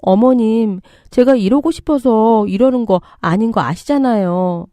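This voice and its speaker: A woman's voice: fairly high pitch, a little slow, dark tone, no room sound, pitched above the performer's own voice, natural voice. A woman voicing a pregnant young wife who pleads with and confronts her mother-in-law in a story radio reading. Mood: pleading. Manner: pleading, then indignant.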